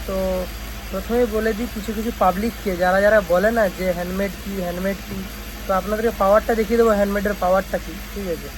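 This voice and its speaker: The West Bengal video host who runs a speaker repair shop delivers pushy, repetitive sales patter in a high, rapid voice, regularly tagging his lines to check in with his audience. Recorded on a phone camera, the showcase vlog has a hum like an engine plus hiss.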